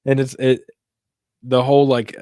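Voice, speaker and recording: A man from Kentucky, a guest co-host, talking politics in an animated, casual way with lots of fillers. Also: mid-range voice, normal speed, dry recording, clean studio sound. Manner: animated, conversational, frequent fillers.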